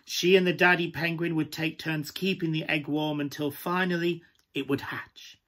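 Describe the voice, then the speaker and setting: A man performing a glamorous, camp pantomime dame with a British accent and a husky, breathy voice, coaxing listeners through a children's story. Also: on the high side, steady tone, normal speed, fairly bright tone. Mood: tender, storytelling. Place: small room at home, indoors.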